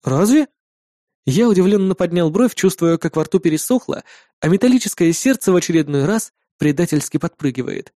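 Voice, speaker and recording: A man reads an audiobook with wry, lively storytelling. His fairly high voice rises and falls a great deal yet stays mellow and dark. The recording is close and dry. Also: a little fast, no echo. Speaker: narrator. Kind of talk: audiobook narration.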